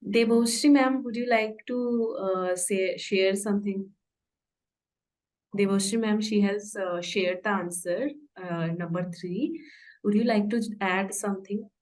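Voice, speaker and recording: A woman's voice: mid-range voice, unhurried, darkish tone. Woman moderator on a zoom-type call, medium voice, polite, calls on teachers one by one. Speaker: session moderator. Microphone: video call.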